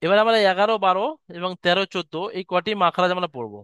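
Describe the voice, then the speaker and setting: High-voiced man teaching letter sounds. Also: expressive, a bit bright, smooth, no room sound, lo-fi sound. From West Bengal, India. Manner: patient, repeats letters slowly for students to copy. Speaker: Quran recitation teacher. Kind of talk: online lesson on letter pronunciation. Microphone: video call.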